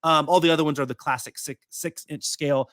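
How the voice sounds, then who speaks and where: A man co-hosting a casual podcast, rambling with many fillers and restarts. His voice sits a touch high, and the sound is close and dry. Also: fairly even intonation, fairly quick, fairly bright tone, dry recording. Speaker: podcast co-host. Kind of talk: casual chat.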